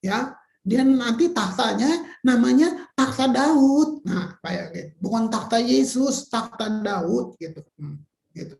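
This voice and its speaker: A man's voice: very high voice, expressive, takes it slowly, vocal fry, a little mellow. A male pastor preaching an informal sermon, talking conversationally, exclaiming and repeating words as he searches for them. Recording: roomy hall echo.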